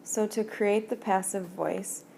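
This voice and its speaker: A woman teacher explaining grammar in a screencast lesson, slow and deliberate as she writes out examples. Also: medium pitch, fairly even intonation, gravelly, darkish tone, slight background noise. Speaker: French teacher.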